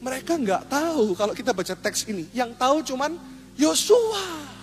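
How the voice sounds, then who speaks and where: A man pastor, preaching a lively, humorous sermon and asking the congregation questions. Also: very high voice, moderate pace, soft background music.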